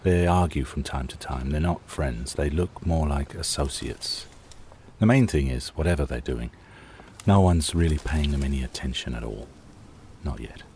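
A man's voice: rumbling low, moderate pace, darkish tone, slight background noise. A man hosting a scripted true-crime documentary podcast, telling the story conversationally in short, suspenseful phrases straight to the listener. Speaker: podcast host and narrator.

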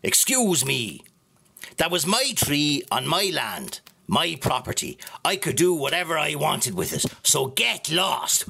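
Grumpy old farmer, stubborn, raised voice, bit higher than normal, narrator doing the voice. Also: male voice, big pitch swings, a little slow, creaky, pushed and bright, breathy edge, full character voice. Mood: defiant. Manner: stammering then defiant.

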